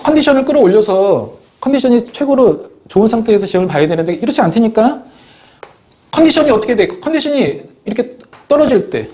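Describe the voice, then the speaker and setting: A middle-aged man lectures his students with a lively, swooping delivery that climbs high, often stumbling over his words and restarting. His tone stays mellow and soft-edged even as he acts out pupils and parents to drive his point home. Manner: animated, scolding, acts out students and parents in quoted voices. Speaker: teacher. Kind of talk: motivational classroom talk.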